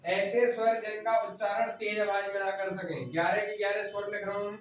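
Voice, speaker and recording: A man's voice: sits high, fairly even intonation, brisk, a bit bright, recorded from a distance. A male teacher, drilling a class in grammar, repeating points and scolding students. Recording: very echoey room, voice from afar, faint noise.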